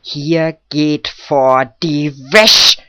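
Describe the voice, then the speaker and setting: Man putting on a shrill scolding old village woman. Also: animated, slow pace, sharp tone, no room sound, studio quality, exaggerated voice. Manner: screeching, nagging calls. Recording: slightly muffled lo-fi recording.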